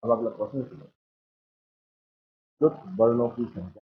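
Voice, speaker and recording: A man's voice: medium pitch, moderate pace. A man teaching a coaching class, quizzing his students again and again as he explains. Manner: drills the class with repeated questions. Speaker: Hindi teacher. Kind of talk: exam coaching lecture. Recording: tinny phone-like sound.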